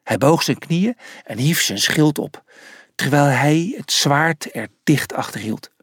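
Male audiobook narrator, slow, husky, dry close sound. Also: on the high side, expressive, a bit bright, dry recording.

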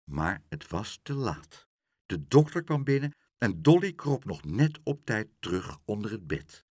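Husky-voiced man reading a children's story. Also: fairly low pitch, unhurried, dry recording. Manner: expressive, doing all the voices. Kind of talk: children's story read aloud.

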